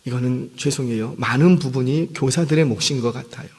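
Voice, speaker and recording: A man's voice: medium pitch, brisk, husky. A pastor in his fifties preaching a sermon in a church. He talks in a conversational way, tells stories with energy and often stops to apologize. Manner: conversational, animated storytelling with self-deprecating apologies. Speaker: senior pastor. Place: church sanctuary. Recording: long hall reverb.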